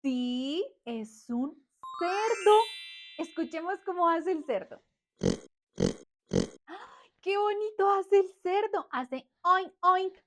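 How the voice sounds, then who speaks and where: A young woman with a high voice leads a cheerful lesson for small children. She speaks slowly and in an exaggerated sing-song, stretching her words and sometimes imitating animal sounds. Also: animated, soft background music. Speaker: children's teacher.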